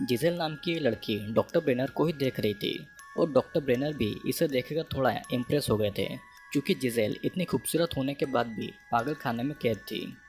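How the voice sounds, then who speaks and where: A man recounts a film's plot in a steady, even narrator's voice, his Hindi accent plain in every line. His pitch sits at an ordinary middle level, and soft background music runs faintly under the speech. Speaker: movie explainer. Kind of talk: scripted movie recap narration.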